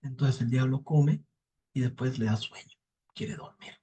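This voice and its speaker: A man teaching psychology, telling a folktale in a lively storytelling manner, often checking in with tag questions. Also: mid-range voice, unhurried, a little hiss or hum, rough recording. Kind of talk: storytelling lecture.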